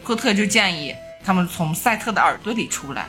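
A woman's voice: medium pitch, lively intonation, fairly quick, pushed and bright, faint music behind. A woman hosting a podcast, casually retelling an ancient myth and laughing often as she acts out the gods. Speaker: podcast host telling myths. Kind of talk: casual storytelling chat.

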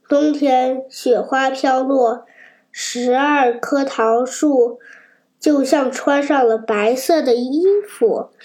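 Children's story narrator, woman with a cold, gentle and expressive, high, unhurried. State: has a cold.

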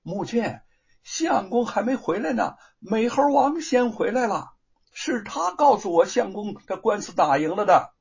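A man voicing a gentle, eager young woman in a storybook. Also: high-pitched, sing-song, measured pace, gravelly, slightly rough, highs cut off, pitched above the performer's own voice, exaggerated voice. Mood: overjoyed.

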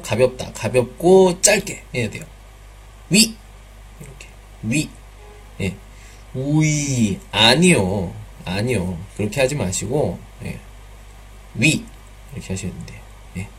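A man's voice: medium pitch, expressive, a little slow, slightly rough. A man teaching pronunciation in a live online class, patiently repeating drill sounds and mixing in some Chinese words.

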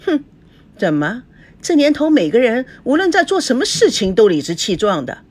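A woman voicing a furious, betrayed young wife who talks in a shrill, cutting, accusing way, reading a storybook. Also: very animated, normal speed. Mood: sarcastic.

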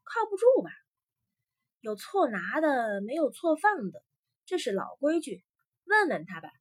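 A man's voice: very animated, unhurried, breathy edge, full character voice. A woman voicing a greedy, furious old male emperor who bellows his orders, in a storybook tale. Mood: doubtful. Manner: loud, booming and bullying.

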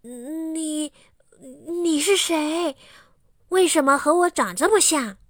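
A woman voicing a rude, bad-tempered schoolboy who shouts insults in a children's storybook. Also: high voice, slow, dry recording, studio quality, pitched above the performer's own voice. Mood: startled.

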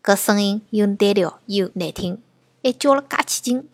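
A woman's voice: medium pitch, normal speed, no echo, natural voice. A woman with a Shanghai accent voicing a vain, impatient, boastful myna bird in a children's storybook. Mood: scornful, boastful. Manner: boastful, scolding. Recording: music bed behind the voice.

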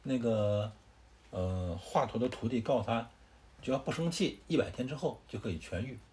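A man telling a classic tale to a child in a casual, conversational way, adding explanatory asides and filling pauses with "er". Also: medium pitch, darkish tone. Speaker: storyteller.

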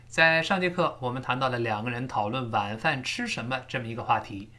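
A man teaching English pronunciation in a recorded lesson, explaining step by step and drawing out sample words slowly. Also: mid-range voice, bright, forceful tone.

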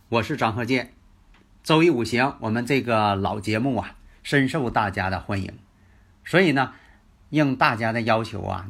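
Husky guy teaching on the radio, chatty, lots of filler words, mid-pitched voice. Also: fairly bright tone. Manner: chatty, rhetorical questions, many filler particles. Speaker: radio host and lecturer on the five elements. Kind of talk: casual radio lecture.

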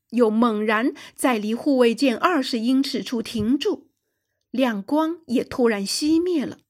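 Woman narrating a children's adventure story. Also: on the high side. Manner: expressive storytelling. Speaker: audiobook narrator.

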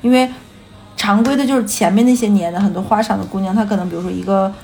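Fast-talking woman podcast co-host. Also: medium pitch, gravelly. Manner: lively storyteller who acts out quoted dialogue and laughs often. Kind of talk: casual chat. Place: radio studio.

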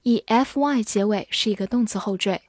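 A woman teaching English vocabulary, spelling words out letter by letter and reading example sentences slowly. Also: medium pitch, darkish tone, dry recording, studio quality. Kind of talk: vocabulary lesson.

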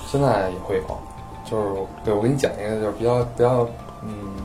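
A man's voice: fairly low pitch, steady tone, brisk, warm tone. A man with a Beijing accent telling anecdotes in a casual chat, with slangy, earthy talk and free swearing. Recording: music playing behind. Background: music.

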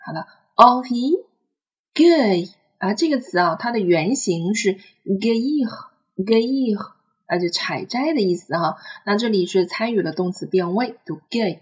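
A woman teaching a French picture-book lesson, patiently spelling out and repeating sounds. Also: lowish voice. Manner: patient, drawn-out demonstration of sounds. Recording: slightly muffled recording.

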